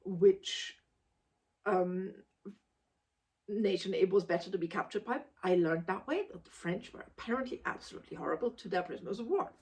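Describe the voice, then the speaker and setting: A woman's voice: mid-range voice, moderate pace, darkish tone. A woman in her forties from Austria, giving a casual spoken book review in an emphatic, articulate, forthright way.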